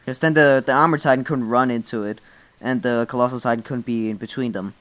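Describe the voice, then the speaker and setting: A man's voice: medium pitch, fairly even intonation, fast talker, fairly bright tone, low-quality recording. Blunt, sarcastic man chatting. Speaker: anime commentator. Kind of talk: casual group commentary.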